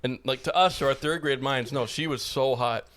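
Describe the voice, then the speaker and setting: A young man in his twenties chats loosely as a podcast co-host, joking and rambling. He laughs often and sits at an ordinary middle pitch. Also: moderate pace, fairly bright tone. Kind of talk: casual chat.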